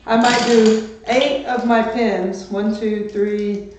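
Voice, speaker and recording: A man's voice: sits high, fairly even intonation, slow pace, a little mellow. A man teaching a math lesson on a live stream, chatty and upbeat, greeting students as they join. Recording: distant echoey muffled room mic.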